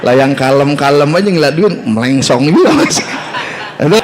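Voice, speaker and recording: A man's voice: on the high side, animated, moderate pace, noisy background. A man, an Islamic preacher telling a story in a sermon and teasing his audience. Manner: joking, teasing the audience directly.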